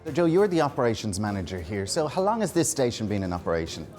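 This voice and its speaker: A man's voice: lowish voice, sing-song, quick pace, a little mellow, soft background music. A man interviewing people on location as a television reporter.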